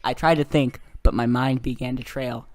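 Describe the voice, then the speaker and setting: A man's voice: mid-range voice, fairly even intonation, moderate pace. A man reading his own story aloud, often breaking into giggles.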